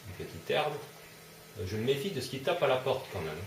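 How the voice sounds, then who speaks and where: A man's voice: mid-range voice, very animated, brisk, roomy sound, noisy background. A man commentating his own gameplay, swearing and yelping when startled. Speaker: let's play gamer.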